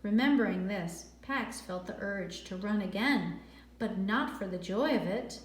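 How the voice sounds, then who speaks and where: A woman reads a storybook aloud in a teacherly way, expressive and careful, drawing out words for dramatic effect and slipping in short explanations. Her voice sits in the mid range, and the recording sounds echoey and roomy.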